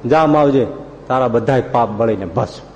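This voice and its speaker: A man's voice: mid-range voice, moderate pace, background noise, voice pushed down, natural voice. A man voicing a proud, commanding holy guru who gives firm blessings and instructions. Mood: solemn blessing. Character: commanding saintly male guru, proud and bold. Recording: reverberant hall, dull lo-fi sound.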